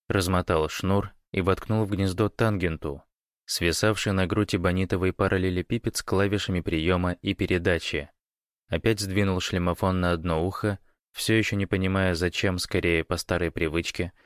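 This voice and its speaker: A man's voice: deep voice, dry recording, studio quality. A man narrating an audiobook.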